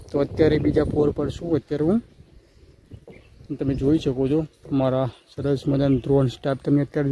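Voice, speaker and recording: A young village vlogger from Gujarat, India, with a Gujarati accent, walks around his village rooftop in a casual walk-and-talk vlog, describing what his handheld phone camera shows and often repeating his phrases. His voice is on the high side, and the lo-fi sound carries a little hiss or hum, with birds calling in the background.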